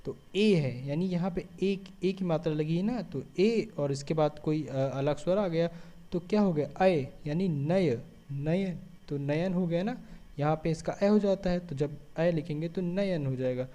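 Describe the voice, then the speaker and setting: A man teaches a grammar lesson step by step. His voice sits a little high but has a mellow, warm tone. He keeps asking questions and answering them himself, and often checks in with short words. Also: normal speed. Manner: frequent checking fillers. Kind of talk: board-style grammar lesson.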